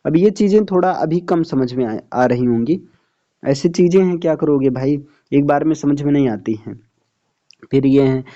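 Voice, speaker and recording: Man teaching phonetics, dark dull sound. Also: mid-range voice. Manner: mixes English reading with Hindi explanation, checks understanding. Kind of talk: phonetics lesson explaining slides.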